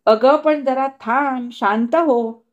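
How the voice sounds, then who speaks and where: A woman voicing an older father who calms his family in a firm, measured way, in a storybook reading. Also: high-pitched, lo-fi sound. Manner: measured, restraining.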